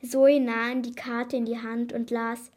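A woman narrating a children's mystery audiobook in a steady, expressive storytelling voice. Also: on the high side, measured pace.

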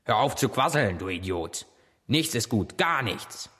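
A man's voice: medium pitch, big pitch swings, measured pace, sharp tone, in a large hall. A man voicing a powerful male sea god, bellowing in outrage and grief. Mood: enraged.

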